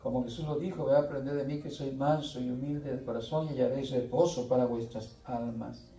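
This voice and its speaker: A middle-aged man preaching a slow, earnest sermon, often pausing and restarting. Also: mid-range voice, fairly even intonation, mellow. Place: church hall. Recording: echoey church room, voice from far off, faint music.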